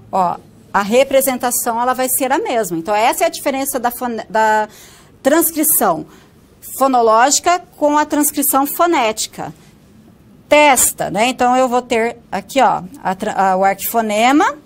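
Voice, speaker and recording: A woman with a northern Paraná Brazilian accent giving a recorded phonetics lecture, explaining step by step and often checking in with tag questions. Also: high-pitched. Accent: Brazilian Portuguese, northern Paraná. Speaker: phonetics teacher.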